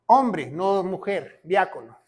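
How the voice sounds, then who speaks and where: A man preaching a teaching sermon in a notably high voice. He drives his points home by repeating phrases and keeps checking in with his listeners as he teaches from a whiteboard. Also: sing-song, slow pace. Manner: emphatic, repeats key phrases, frequent "¿va?" check-ins. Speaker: pastor and Bible teacher.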